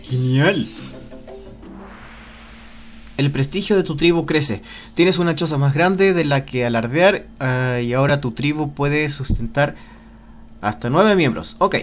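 Excitable man whooping through game commentary. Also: a little high, measured pace, pauses often, soft background music. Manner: exclamatory, whooping, cheering at the game; reads on-screen game text aloud. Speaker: let's play gamer.

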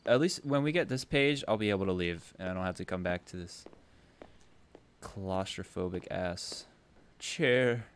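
A man's voice: deep voice, a little slow, smooth. A man streaming a horror game from his own room, talking to himself, jumpy and swearing often as he plays. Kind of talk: live game commentary.

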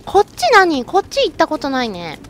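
A woman streaming a game with excitable let's-play commentary, shrieking and chatting with self-mocking asides. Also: sits high, a little fast, a little hiss or hum.

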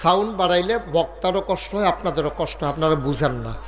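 A man with a fairly high voice preaches in an over a loudspeaker at a large open-air gathering. He jokes with the crowd, scolds the sound man, and draws key lines out into a slow chant. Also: animated. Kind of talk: village sermon with crowd call-and-response. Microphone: handheld mic through PA.

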